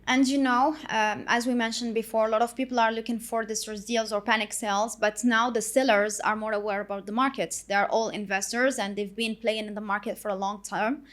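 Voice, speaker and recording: Woman podcast host, slightly high voice. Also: fairly even intonation, brisk, few pauses. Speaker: podcast host and real estate agent. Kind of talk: casual podcast interview.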